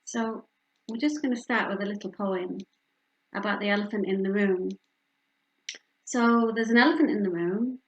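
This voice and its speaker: A middle-aged woman from the north of England, with a plain Yorkshire accent, speaks for a hospice charity in a community talk with slides. She tells her story candidly and personally, leaning on fillers and restarts. Her voice is medium in pitch at a moderate pace with frequent pauses, and the audio sounds dull.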